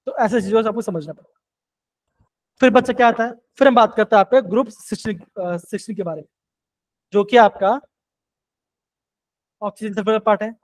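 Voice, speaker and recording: A man's voice: high-pitched, poor audio. A male chemistry teacher, teaching a live online class and coaxing students with repeated questions.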